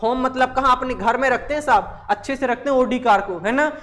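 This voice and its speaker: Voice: sits high, fairly quick, a bit bright, in a large hall. A teacher giving a live exam-prep lesson, asking questions and answering them and repeating the key words.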